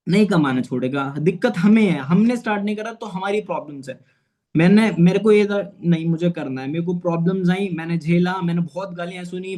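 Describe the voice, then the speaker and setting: A man's voice: high voice, darkish tone. A man in his twenties gives an earnest, personal motivational talk as a network marketing manager. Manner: earnest, personal, often adds "theek hai". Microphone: online meeting.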